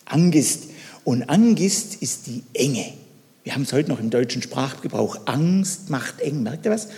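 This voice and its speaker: A man preaching a sermon, telling a story and putting questions to the listeners, moving between loud and hushed delivery. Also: medium pitch, very animated, moderate pace, vocal fry, in a large hall.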